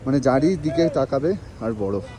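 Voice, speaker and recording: A man with a Bengali accent vlogging from a snowy mountain pass. He talks slowly and is short of breath from the altitude, with a dry throat, breaking into excited exclamations. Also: mid-range voice. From Bengal, India. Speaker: travel vlogger. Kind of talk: casual vlog walk-and-talk. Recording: wind noise on the mic outdoors.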